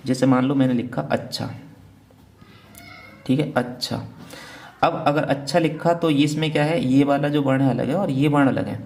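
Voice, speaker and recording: Male teacher, gravelly voice, mid pitch, exam revision lecture; asks and answers his own questions. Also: darkish tone. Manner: repeats "theek hai na" as a check-in.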